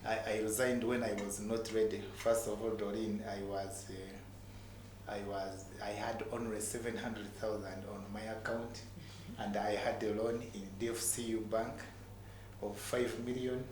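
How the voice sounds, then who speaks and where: A middle-aged man with a Ugandan accent tells his personal story in a motivational way, haltingly, repeating words for emphasis. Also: lowish voice, flat delivery, a little mellow. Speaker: entrepreneur guest telling his story. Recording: echoey room with clear background noise.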